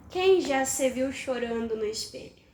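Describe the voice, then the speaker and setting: A woman preacher delivers a sermon in a strikingly high voice. She speaks slowly and emphatically, hammering phrases through repetition and putting questions to her listeners, her words ringing through an echoey church hall. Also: darkish tone, a little hiss or hum. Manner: emphatic, questions the congregation, repeats for stress. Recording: echoey room.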